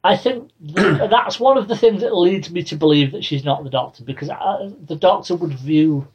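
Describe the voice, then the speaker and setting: A man's voice: high voice, moderate pace, darkish tone, slightly rough. A man chatting casually about films and TV, often stammering and repeating his first words. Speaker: podcast co-host. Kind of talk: casual film and TV chat.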